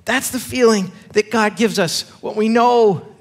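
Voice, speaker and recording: A man's voice: high-pitched, unhurried. A man in his thirties, a pastor, preaching a casual sermon in a church and talking in a joking, conversational way with restarts and small laughs. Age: 30s. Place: church sanctuary. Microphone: clip-on microphone.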